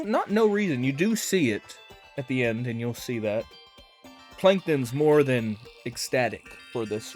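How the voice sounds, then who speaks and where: A man's voice: fairly high pitch, darkish tone. A man giving a casual, rambling commentary review of a cartoon episode, with lots of fillers and hedges.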